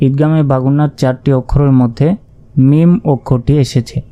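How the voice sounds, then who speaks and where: A man teaching Quran recitation, slowly spelling out Arabic letters and vowel marks one by one and now and then chanting verses with stretched-out sounds. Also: mid-range voice, steady tone, warm tone.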